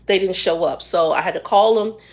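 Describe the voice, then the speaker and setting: A woman in her fifties telling a story to her viewers in a casual, animated way, often laughing. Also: fairly low pitch, fairly quick. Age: 50s. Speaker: vlogger.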